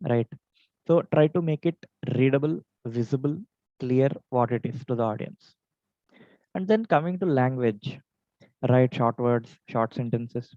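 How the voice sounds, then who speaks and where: A man's voice: mid-range voice, darkish tone, dry recording, lo-fi sound. A man with an Indian English accent teaching public speaking on a video call, his throat dry from being unwell, listing points in an instructive way. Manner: instructive, list-like, varies pace for examples. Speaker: speech contest trainer. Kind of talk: online educational talk. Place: home, online meeting.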